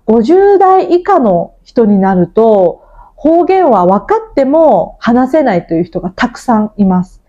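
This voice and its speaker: A woman from Tokunoshima leads a listening-practice lesson with a mellow, warm tone. She explains each point clearly and turns to her listeners with questions. The sound is slightly dull and lo-fi. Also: mid-range voice. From Tokunoshima, Japan. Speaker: Japanese teacher and podcast host.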